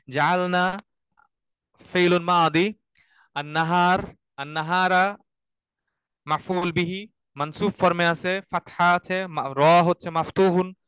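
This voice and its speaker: A man's voice: sits high, fairly bright tone, smooth, no echo. A man teaching a Quranic Arabic class. He explains step by step and repeats words for students to say after him. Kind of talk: online class lecture.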